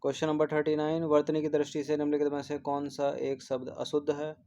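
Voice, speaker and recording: Man, teacher going through test answers, fairly high voice, repeats words. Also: monotone, quick pace, warm tone. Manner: repeats each word several times, explaining spellings; mixes English numbers and terms into Hindi. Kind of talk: exam test-series answer walkthrough.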